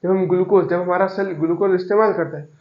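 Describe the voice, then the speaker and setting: High-voiced male teacher in an echoey room. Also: fairly even intonation. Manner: explains slowly with homely examples, repeats key terms. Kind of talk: classroom lecture. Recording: echoey, dull classroom recording.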